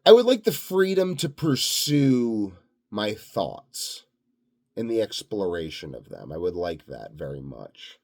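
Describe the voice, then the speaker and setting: A man who styles himself an expert on health and sleep rambles through an unscripted vlog monologue, musing aloud with grandiose self-assurance. His voice sits low and sounds a little mellow.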